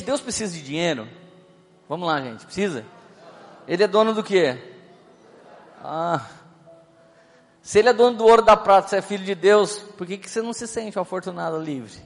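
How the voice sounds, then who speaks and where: Male pastor, Brazilian Portuguese accent, high voice, joking storytelling sermon, long hall echo. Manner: chatty, joking, acts out scenes. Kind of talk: humorous anecdotal sermon. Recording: hall reverb, faint background music.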